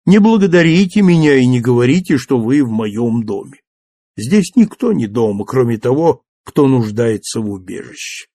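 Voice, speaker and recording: Guy reading as a calm kind old bishop, soft gravelly voice, dry. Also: medium pitch, normal speed, no room sound. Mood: gentle. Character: gentle elderly bishop, calm and kindly. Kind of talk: audiobook character reading.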